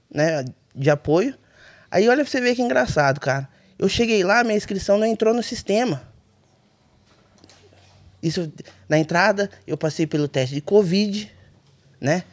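Brief: Brazilian man, podcast guest, lively storyteller, slightly high voice. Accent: Brazilian Portuguese. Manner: animated, colloquial, acts out dialogue in his story. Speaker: podcast guest, rally navigator. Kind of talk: casual storytelling.

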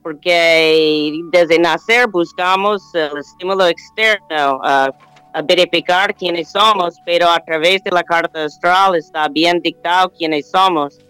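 Calm middle-aged American woman speaking Spanish. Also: lowish voice, clear, resonant tone, no room sound, faint music behind, low-quality recording. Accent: American English. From United States. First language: English. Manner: calm, unhurried, mixes in English words. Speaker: guest astrologer and yoga teacher. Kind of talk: remote interview over a call.

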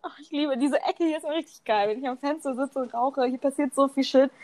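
Young woman, casual chat, animated and cheeky, slightly high voice, dry close sound. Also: quick pace, dry recording. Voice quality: animated, laughs often, swears casually.

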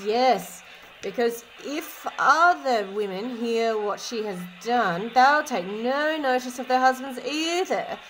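A woman's voice: on the high side, a little hiss or hum, rough recording. A woman voicing a cautious male royal adviser in a storybook reading, hesitant at first, then earnest.

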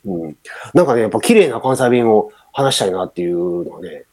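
Man, Kansai accent, middle-aged, casual chat, fast, mellow tone, filler-heavy. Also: on the low side. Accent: Kansai Japanese. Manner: animated, rambling with many fillers. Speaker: podcast co-host.

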